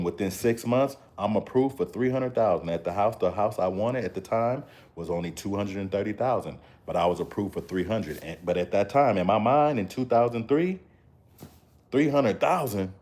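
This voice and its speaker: Low-voiced man, emphatic motivational vlogger, repeats himself for effect. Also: dark tone. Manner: preachy, repetitive, emphatic. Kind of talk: casual motivational talk to camera.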